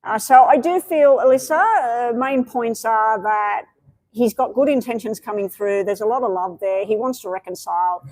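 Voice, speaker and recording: A woman's voice: a little high, normal speed, darkish tone, low-quality recording. A woman giving tarot readings on a live stream, chatty and meandering, with many fillers. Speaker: tarot reader.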